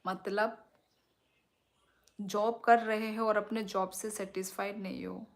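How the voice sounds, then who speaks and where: A young woman from Tripura chatting casually on a phone live stream at home at night, reading viewers' comments and talking softly so she won't disturb the neighbours. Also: little pitch movement, slow. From Tripura, India. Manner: chatty, sways while talking, lowers voice to keep it down. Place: small room at home at night. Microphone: phone held or propped close.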